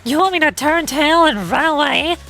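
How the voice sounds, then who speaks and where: A woman's voice: high voice, expressive, moderate pace, creaky, bright, forceful tone, faint music behind, exaggerated voice. A woman voicing a stubborn, hot-headed young tomboy girl in a tomboy voice, as amateur acting of a game story. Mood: defiant, urgent.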